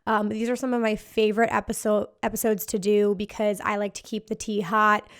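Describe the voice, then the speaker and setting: A woman chats casually as the host of her own podcast. Her voice sits at a medium pitch and comes across clear and smooth, though a little worn from partying. She talks with giddy, upbeat party-girl enthusiasm. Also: flat delivery, fairly quick. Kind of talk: casual podcast monologue, festival recap.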